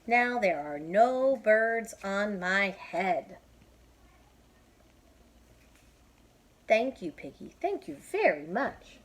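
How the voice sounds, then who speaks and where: A woman's voice: mid-range voice, very animated, slow pace, voice pushed up. A woman voicing an anxious, exasperated elephant in a children's storybook, emphatic and full of questions. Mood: relieved, grateful. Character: anxious, exasperated elephant pestered by nesting birds.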